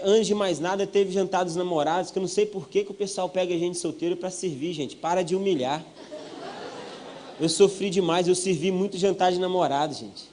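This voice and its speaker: A man's voice: sits high, a little mellow, slight background noise. A young Brazilian man preaching as a pastor, telling his own story with jokes and acting out what people said. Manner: storytelling with jokes and acted-out quotes. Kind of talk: humorous testimony sermon.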